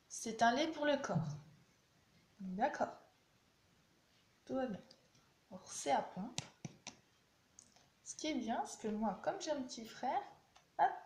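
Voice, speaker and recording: A woman's voice: on the high side, a little mellow. A young woman vlogger chatting bluntly and animatedly through a casual beauty product review. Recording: echoey room with faint noise.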